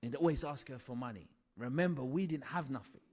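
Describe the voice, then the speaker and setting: A man's voice: medium pitch, fast talker, a little mellow, long reverb tail. Man telling his life story earnestly. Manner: earnest storytelling with vivid re-enactments. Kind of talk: personal testimony talk.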